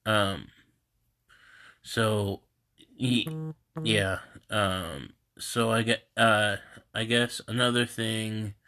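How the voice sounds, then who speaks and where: A man with a lowish voice that still sounds bright and forward, stuffed up and congested. He talks slowly in a halting, rambling way, with a lot of restarts. It is a casual live stream recorded on a phone at home. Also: steady tone. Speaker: host of a live group stream. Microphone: phone camera.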